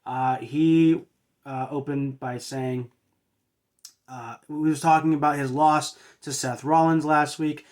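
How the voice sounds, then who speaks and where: A man's voice: fairly high pitch, steady tone, slow. Man recapping, full of uhs. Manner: hesitant, filler-heavy with frequent uhs and restarts. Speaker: wrestling show reviewer and host. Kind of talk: casual spoken recap.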